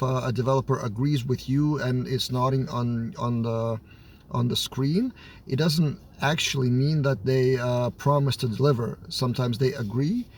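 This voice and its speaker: A man with a Lithuanian accent talks in an ordinary medium-pitched voice, sounding slightly unwell from a mild cold. He's a software developer and team lead explaining his opinion casually to camera, thinking aloud with pauses and fillers. There's a faint hiss or hum in the recording.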